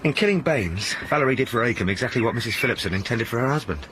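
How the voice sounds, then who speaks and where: A man's voice: medium pitch, lively intonation, racing, fairly bright tone, natural voice, poor audio. A man playing an earnest, polite police sergeant. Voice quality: polite, deferential. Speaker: detective sergeant. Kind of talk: radio drama acting. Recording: radio drama with background noise.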